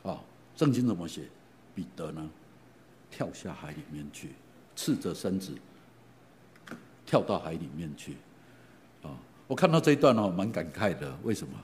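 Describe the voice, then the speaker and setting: A middle-aged man preaching a sermon, retelling stories in an animated way and often asking his listeners questions. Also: deep voice, moderate pace, long pauses, a little hiss or hum. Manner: animated, asks the congregation questions, frequent fillers. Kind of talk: sermon storytelling.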